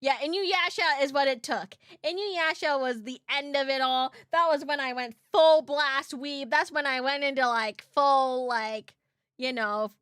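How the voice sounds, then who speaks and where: A woman's voice: sits high, measured pace, a bit bright, no room sound, clean studio sound. A woman in her thirties chatting casually as a streamer, with a cute anime-girl voice and a rambling, playfully self-mocking manner. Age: 30s. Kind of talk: casual livestream chat.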